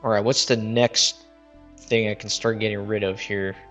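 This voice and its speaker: A man streaming a game thinks aloud and chats casually in live commentary, his lowish, slightly bright voice flat and moderately paced. A cheap headset mic makes him sound muffled, as if speaking into a cup, with soft music in the background.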